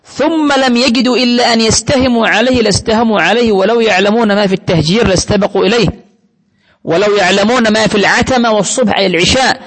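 A man with a notably high voice delivers a religious lesson, explaining each point patiently and quoting scripture as he goes. His voice carries a long reverb, as if he were speaking in a large hall. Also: fast, a bit bright. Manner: explanatory, teacherly, quotes scripture often. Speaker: religious teacher.

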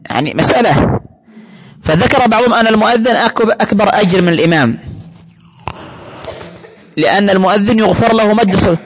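A man with a notably high voice delivers a religious lesson, explaining each point patiently and quoting scripture as he goes. His voice carries a long reverb, as if he were speaking in a large hall. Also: quick pace, pauses often, husky. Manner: explanatory, teacherly, quotes scripture often. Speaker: religious teacher.

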